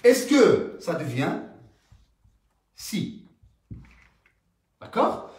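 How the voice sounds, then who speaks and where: A male teacher walks through a grammar lesson in a slow, hesitant delivery. His voice sits high and swings widely in pitch. He is recorded from a distance in an echoing room. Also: very animated, darkish tone. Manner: slow, halting explanation with many fillers and rising question tags. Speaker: French teacher. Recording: roomy, from some distance.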